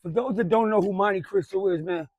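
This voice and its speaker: A man's voice: sits high, brisk, no room sound, narrow, tinny audio. A man hosting a casual interview, hyped up and slangy, repeating his phrases. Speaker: interviewer host.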